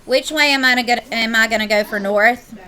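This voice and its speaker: A woman's voice: on the high side, fairly quick, sharp tone. A woman teacher, leading a classroom math lesson and playfully teasing her students.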